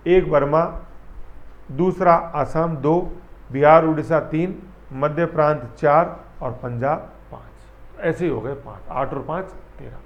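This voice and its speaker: A man's voice: fairly high pitch, takes it slowly, dull audio. A male teacher giving a classroom lecture. He explains step by step and keeps checking that students follow with rhetorical questions.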